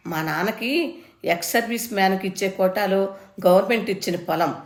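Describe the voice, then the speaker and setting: Woman reading as a greedy grown son, loud and mocking, higher and more forceful than her own voice, roomy echo. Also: close to an everyday voice. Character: brash, greedy grown son, scornful and bullying.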